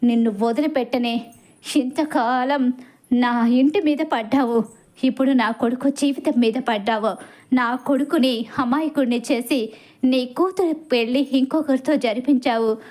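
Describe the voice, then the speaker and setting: A woman voicing an enraged older father who shouts accusations at a scheming woman. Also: sits high, fairly even intonation, a little slow. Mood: furious.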